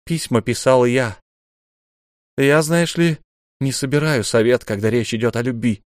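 A man's voice: medium pitch, measured pace, no room sound, studio quality, lightly acted. A man voicing a proud, desperate young noble duelist, pleading in heated, raised outbursts. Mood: indignant.

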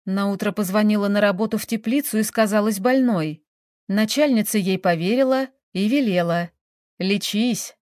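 Female storyteller, mid pitch, expressive reading, dry close mic. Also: normal speed, no echo. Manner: expressive reading, voices characters lightly. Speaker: narrator. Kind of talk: scripted narration of a village story.

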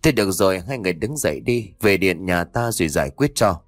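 A man's voice: deep voice, expressive, a little fast, no echo. A man voicing a stern male exorcist master in an audio story, scolding and giving orders. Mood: commanding.

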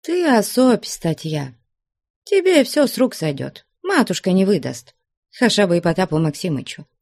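A woman's voice: mid-range voice, very animated, normal speed, darkish tone, dry recording, studio quality, pitched above the performer's own voice. A woman voicing a grumbling, snappish young nun who leads the choir. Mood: fretful. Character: young choir-leading nun, grumpy and fearful.

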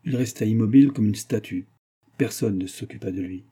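A man narrating a classic tale as an audiobook, in a measured storytelling manner. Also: fairly low pitch, warm tone, breathy edge. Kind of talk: scripted literary narration.

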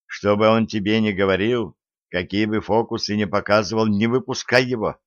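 A man's voice: lowish voice, fairly even intonation, moderate pace, no room sound, close to an everyday voice. A man voicing an earnest young woman who pleads and urges in an audiobook. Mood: urgent. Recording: dry, slightly dull audiobook recording.

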